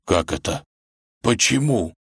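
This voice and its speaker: Man voicing a fussy talking grey wolf, flustered, hurried, animated pitch, dry sound. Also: gravelly, dry recording, heavily acted.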